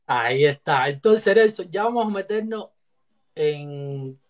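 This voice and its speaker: A man interviewing a guest in a relaxed, brotherly way with short reactions. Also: fairly high pitch, slow pace. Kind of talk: casual interview questions.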